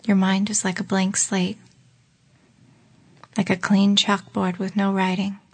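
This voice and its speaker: A woman leading a guided relaxation exercise in a slow, soft voice that often drops into a whisper. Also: medium pitch, completely flat delivery, husky. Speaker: meditation guide.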